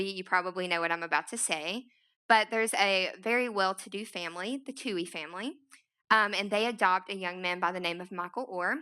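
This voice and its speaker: A woman's voice: mid-range voice, clean tone. Chatty young woman telling her story. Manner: chatty, animated storytelling with fillers. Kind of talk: conference talk. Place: large room with an audience.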